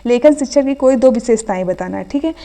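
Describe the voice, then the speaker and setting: A woman's voice: fairly high pitch, lively intonation, fast talker, warm tone. A woman teaching an online exam revision class, reading out each question and then giving the answer. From India.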